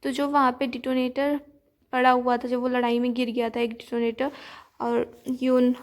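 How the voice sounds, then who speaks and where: High, flat-voiced woman retelling a film. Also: moderate pace. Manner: chatty, many fillers, mixes in English words. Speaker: movie recap narrator. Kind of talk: casual movie plot retelling.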